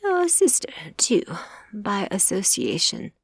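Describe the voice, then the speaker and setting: A woman voicing a sly, cruel old witch in an audiobook who speaks in a measured, mocking tone. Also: medium pitch, wildly swooping pitch, vocal fry, dry recording, voice pushed up, exaggerated voice.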